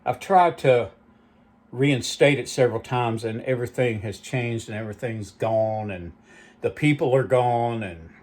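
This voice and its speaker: A man's voice: medium pitch, a little slow, darkish tone. A man hosting his own channel, telling rambling, nostalgic stories with lots of asides. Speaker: channel host. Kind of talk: rambling reminiscing monologue.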